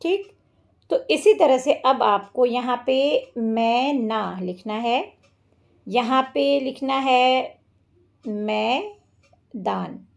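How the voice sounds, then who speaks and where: Woman teacher, slow and patient, gravelly voice with a slightly high pitch, walking through a workbook. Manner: slow, explains step by step. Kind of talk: workbook lesson walkthrough.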